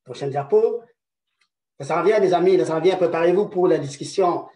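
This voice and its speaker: A man delivers a conference talk in a slightly raised voice, stumbling over repeated small words and filling pauses as he searches for the next phrase. He keeps reaching out to the audience with rhetorical check-ins. The sound is echoey and picked up from some distance away. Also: fairly high pitch, warm tone. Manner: hesitant, many repeated words and fillers; rhetorical "n'est-ce pas" tags. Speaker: conference speaker. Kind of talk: presentation lecture.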